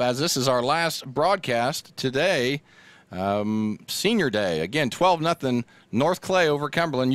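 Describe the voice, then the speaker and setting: A man doing relaxed, joking play-by-play commentary for a local high school baseball game, as a regular announcer. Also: no echo. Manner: relaxed, joking, gets loud and excited on the home run.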